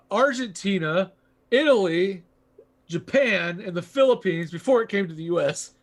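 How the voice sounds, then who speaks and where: A high-pitched man chatting casually about horror films. He rambles, laughs a lot and throws in crude jokes as a podcast co-host. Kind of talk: casual horror movie chat.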